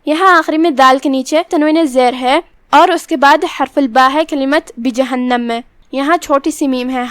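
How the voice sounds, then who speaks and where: A woman with a Pakistani Urdu accent, teaching Quran recitation rules in a measured, instructive way. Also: high voice, no room sound. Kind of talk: tajweed lesson, explaining rules word by word.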